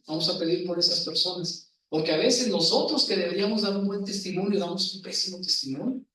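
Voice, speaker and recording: Heard from a distance in a reverberant church, a man delivers a sermon in a bright, strained high voice. His phrasing is slow and emphatic, and he often puts questions to the congregation.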